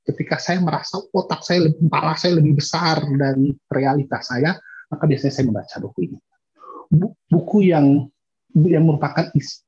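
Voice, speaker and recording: A man preaching a sermon in a conversational way, pausing to correct himself and acting out the voices he quotes. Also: a little high, a little mellow, husky, highs cut off. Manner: conversational, with fillers and self-corrections.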